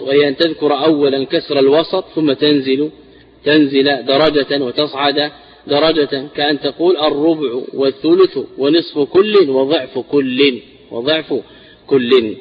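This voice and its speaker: A man teaching a classical text on inheritance shares, explaining slowly and repeating words for emphasis. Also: on the high side, husky. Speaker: teacher of Islamic inheritance law. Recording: dull lo-fi recording.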